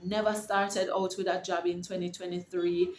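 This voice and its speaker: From her home, a middle-aged Jamaican woman records a casual, faith-filled vlog, encouraging and a bit preachy as she rambles and restarts her sentences. Her lowish, darkish voice stays fairly flat at a moderate pace, in an echoey room with faint ambience and a slight hiss or hum.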